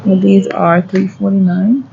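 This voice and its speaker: A woman's voice: mid-range voice, flat delivery, measured pace, gravelly, lo-fi sound, background noise. A woman gardening vlogger chatting casually as she walks a garden center and reads out plant prices. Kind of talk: casual shopping vlog commentary. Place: garden center of a home improvement store.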